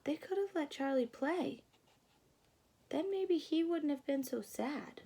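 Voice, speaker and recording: Here a woman in her thirties animatedly reads a kids' storybook like a teacher, breaking off to explain and ask questions. Her voice is high and warm, and there's a slight hiss or hum in the audio.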